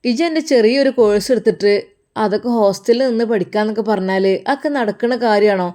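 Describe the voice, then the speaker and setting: A woman's voice: medium pitch, fast talker, warm tone, lightly acted. A woman voicing a worried mother who soothes her daughter in a Malappuram Malayalam accent. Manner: soothing, concerned.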